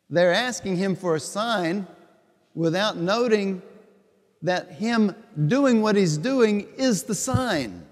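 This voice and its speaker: Slow-preaching bishop in a reverberant church. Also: male voice, high voice. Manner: slow, deliberate, conversational preaching with repeated phrases. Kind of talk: homily at Mass. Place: large church sanctuary before the altar.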